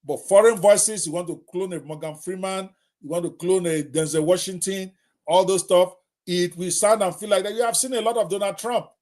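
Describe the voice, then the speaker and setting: A man's voice: high-pitched, fairly even intonation, normal speed, darkish tone. A middle-aged Nigerian man hosting a live talk, speaking emphatically and addressing viewers directly, often repeating himself. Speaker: host.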